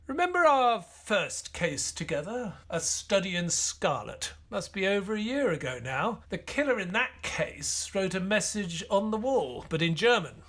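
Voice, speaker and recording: An actor playing Dr. Watson, an earnest Victorian gentleman doctor, in a measured, dramatic audio play style over background ambience. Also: high voice, very animated, exaggerated voice. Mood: curious.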